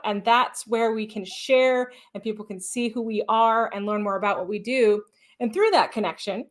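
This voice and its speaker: Energetic higher-voiced woman storyteller. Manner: energetic, passionate, with a reporter cadence. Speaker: podcast guest, storyteller and speaker. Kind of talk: live podcast conversation. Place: stage at a live event.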